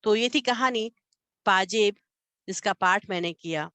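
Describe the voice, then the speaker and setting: A woman's voice: mid-range voice, unhurried, sharp tone, no echo. Woman narrating a story, dry close sound. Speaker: literature channel reader. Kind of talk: storytelling reading and commentary.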